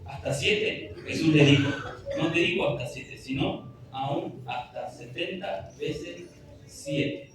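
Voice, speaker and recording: A man's voice: on the high side, takes it slowly, noisy background. A man preaching a sermon, reading scripture aloud in an earnest, pleading way. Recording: echoey room, distant mic, music behind.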